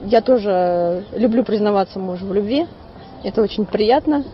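A woman in her twenties calmly answering a street interviewer. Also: medium pitch, moderate pace, highs cut off, a little hiss or hum. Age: 20s. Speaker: passer-by interviewee.

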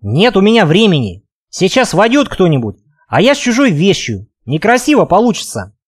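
A man's voice: sits high, huge pitch swings, moderate pace, slightly rough, full character voice. Sulky impatient young man, as a male reader puts him on. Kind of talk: audiobook character reading.

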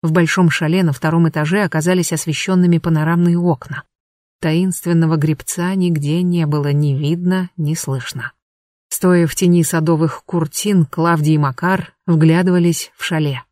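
A woman narrating an audiobook in a measured, expressive reading. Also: low-pitched, no echo, studio quality. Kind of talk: scripted narration.

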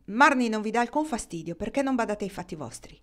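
A woman reading aloud voices a blunt, quick-tempered young woman who answers curtly in a raised voice. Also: a little high, animated, pitched above the performer's own voice, close to an everyday voice. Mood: sharp.

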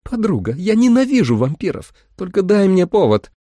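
A man's voice: sits high, sing-song, normal speed, no room sound, clean studio sound, voice pushed up. A man voicing a tough, mocking young woman who threatens with a gun. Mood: brash. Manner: loud, brash, taunting.

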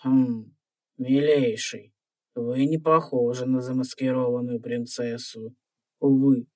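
A man's voice: medium pitch, fairly even intonation, slow, darkish tone, no room sound, close to an everyday voice. Man playing a wry, drawling old dragon. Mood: amused, mocking. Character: wry, courteous ancient male dragon, teasing and leisurely. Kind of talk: audio fairy-tale dramatisation.

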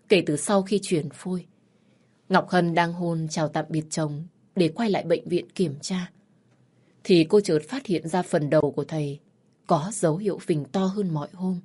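A woman's voice: on the low side, normal speed, darkish tone, husky. A woman narrating a sad family story in a somber, emotional way.

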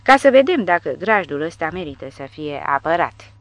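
A woman's voice: lowish voice, big pitch swings, dry recording. A woman voicing a swaggering, boisterous male tank sergeant.

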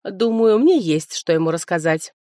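A woman's voice: fairly low pitch, expressive, normal speed, warm tone, no echo, studio quality, natural voice. Woman putting on a purring, spiteful cousin. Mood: threatening. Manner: purring, hissing, sing-song.

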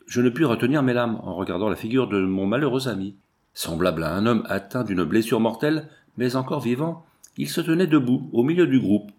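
A man narrating a novel as an audiobook, in a measured, expressive storytelling manner. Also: fairly low pitch.

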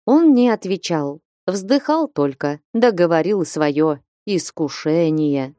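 A woman narrating a classic novel as an audiobook, in an even, measured storytelling manner. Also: on the low side.

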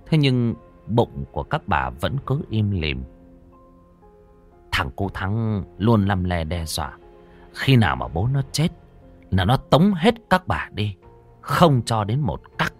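A man narrating a ghost story in an expressive, dramatic way, dropping to hushes and rising again. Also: lowish voice, slow pace, faint music behind. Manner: expressive, swinging between hushed and loud.

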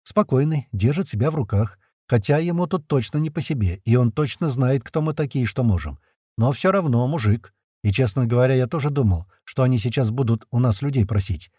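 A man tells a first-person audiobook story in a lively, colloquial voice. His tone is husky and mellow, and his pitch rises and falls a lot. The recording is dry and close. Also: brisk, dry recording. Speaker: audiobook narrator.

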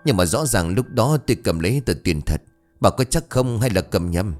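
A terrified older village man stammers out broken words, his voice pushed up high with fear, as a male narrator acts him. Soft music sits low beneath the telling. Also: expressive, normal speed, natural voice. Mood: anxious. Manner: stammering, frightened.

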